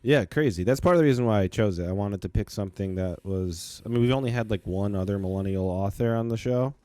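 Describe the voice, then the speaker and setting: A man co-hosting a casual book podcast in a low voice. He is easygoing and quick to giggle. The sound is close and dry, with no room around it. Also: warm tone, dry recording. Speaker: podcast co-host.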